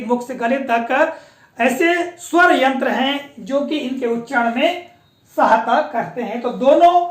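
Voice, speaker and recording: A woman teaching a patient, explanatory lesson, often pausing to check that her students follow along. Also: high voice. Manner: patient, explanatory, often repeats a confirming filler. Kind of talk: classroom-style lecture on pronunciation. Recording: echoey room.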